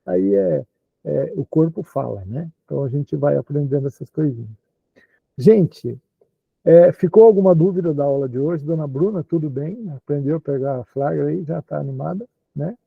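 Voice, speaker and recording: Brazilian male teacher, lively chatty lecture, raspy voice, phone-line audio. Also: normal speed, no echo. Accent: Brazilian Portuguese. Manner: chatty, animated, acts out dialogues with high put-on voices. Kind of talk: online class lecture. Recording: tinny phone-like call audio.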